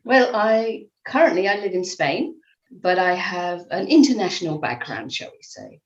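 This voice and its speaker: A middle-aged English woman, an author and life coach, answers interview questions over a remote call from her home in Spain. Her fairly low voice has lively intonation at a moderate pace, and she's reflective and conversational, often restarting sentences with soft laughs. The room is echoey and the line slightly dull.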